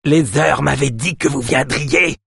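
A frail little captive man, worn down by captivity, bleating his words in a raised, slow voice, as a man reading a story puts him on. The tone is husky and dry. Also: fairly high pitch, dry recording, voice pushed up, exaggerated voice. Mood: excited. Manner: bleating, excited.

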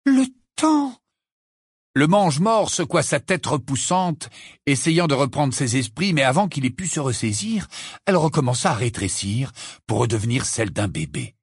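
A man reading an audiobook aloud with dramatic, expressive narration. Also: medium pitch, normal speed, slightly rough, no echo, studio quality.

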